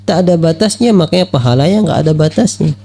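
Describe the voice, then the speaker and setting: A man preaching at a religious study lecture, lively and full of rhetorical questions, acting out the voices he quotes. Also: fairly high pitch, fast, creaky. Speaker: Islamic preacher.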